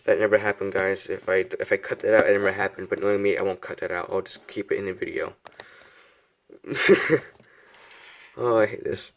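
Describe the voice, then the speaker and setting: A young man with a fairly low voice talks through a model car review in a loose, rambling way. He circles back over the same points and makes fun of himself as he goes. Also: steady tone, moderate pace, vocal fry, pauses often, slight background noise. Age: young adult. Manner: rambling, self-deprecating, repeats himself. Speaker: die-cast model reviewer. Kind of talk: casual product review.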